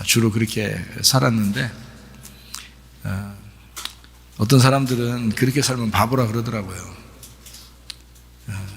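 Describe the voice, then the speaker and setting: A middle-aged man preaching a sermon as pastor, talking in a relaxed conversational way with many fillers. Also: lowish voice, vocal fry, slight background noise. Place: church sanctuary. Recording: long church hall reverb.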